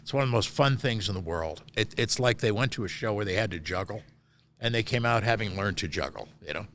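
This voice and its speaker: A man's voice: lowish voice, expressive, quick pace, a bit bright, slight background noise. A man from Northeastern Pennsylvania, a theatre manager, chatting casually as an interview guest in a self-deprecating way and often repeating words as he starts.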